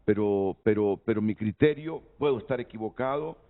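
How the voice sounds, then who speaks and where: This Honduran TV talk show host leads a panel, questioning guests and asking for their opinions, often restarting hesitantly. His voice is lowish and his pace moderate; the broadcast audio is tinny and lo-fi.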